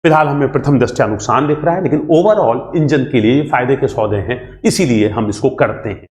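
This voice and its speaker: A man teaching an engineering exam class in a lively, repetitive way, acting out student questions and answering them himself. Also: medium pitch, a little fast. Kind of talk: classroom lecture. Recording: echoey room.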